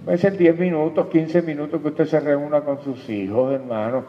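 During a sermon, a man with a slightly high voice, moderate pace, and fairly even intonation turns to the congregation with questions and calls them "hermano." Slight background noise is audible, and the lo-fi recording has long hall reverb.

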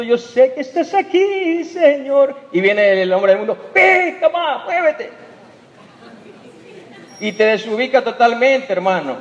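High-voiced man preaching in a reverberant church. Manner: calls listeners "hermano" over and over, tells everyday stories with acted voices. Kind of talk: sermon. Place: church hall. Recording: dull sound with long church reverb.

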